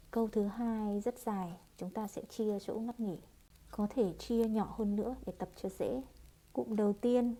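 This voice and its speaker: A woman teaching English pronunciation, reading phrases aloud at a slow, unhurried pace. Her voice is soft and mellow. She models each phrase deliberately for students to repeat. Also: medium pitch. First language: Vietnamese. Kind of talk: pronunciation drill lesson.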